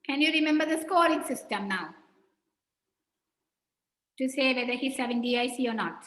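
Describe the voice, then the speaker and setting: A woman's voice: high-pitched, lively intonation, normal speed, a bit bright. Woman teacher questioning students, roomy sound. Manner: questioning, prompting students by number. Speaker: medical teacher. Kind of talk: online clinical teaching session.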